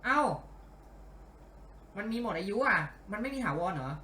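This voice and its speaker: A man giving casual let's-play commentary, animated and grumbling and cursing at the game as he plays. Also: high-pitched, unhurried, echoey room, slight background noise. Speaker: game streamer.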